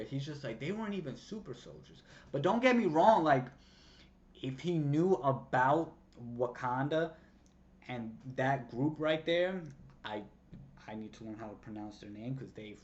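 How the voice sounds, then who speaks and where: This is an excitable man recapping an episode in loose, slangy talk, mimicking the action with sound effects. His pitch sits in a middling range. The recording has a slightly dull, lo-fi sound. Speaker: show recap vlogger.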